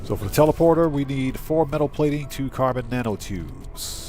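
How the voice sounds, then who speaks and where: Lively intonation and a mellow, mid-range voice carry this streamer's brisk live game commentary. He works through the game step by step, talking to himself and to his viewers, over soft background music.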